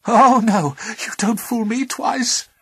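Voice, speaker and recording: A man's voice: sits high, wildly swooping pitch, takes it slowly, vocal fry, a bit bright, breathy edge, no room sound, clean studio sound, voice pushed up, exaggerated voice. A man voicing a curious young bride, light and hesitant with stammers. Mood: tearful. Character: curious young bride, innocent and easily tempted.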